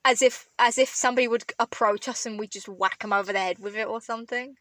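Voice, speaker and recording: A woman's voice: fairly high pitch, fairly even intonation, fast talker, fairly bright tone, no echo, poor audio. Teasing woman in a dry, close room. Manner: teasing storyteller, crude jokes. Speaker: podcast co-host. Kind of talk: casual chat.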